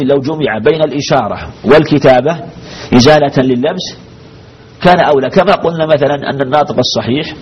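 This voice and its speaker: A man teaching a religious law lesson as a sheikh, asking his class questions and repeating the key phrases. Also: medium pitch. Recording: dull lo-fi recording with faint noise.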